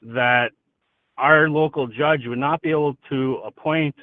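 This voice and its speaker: A man's voice: medium pitch, steady tone, a little slow, dry recording. Man with thick Yooper accent on the phone. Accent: thick Upper Michigan (Yooper). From Upper Peninsula of Michigan. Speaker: caller. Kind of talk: call-in question, explaining. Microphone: telephone. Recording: tinny, dry phone line.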